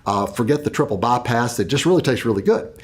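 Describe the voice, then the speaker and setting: A man playing a dull fast-food ad pitchman reciting a deadpan sales pitch. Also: close to an everyday voice.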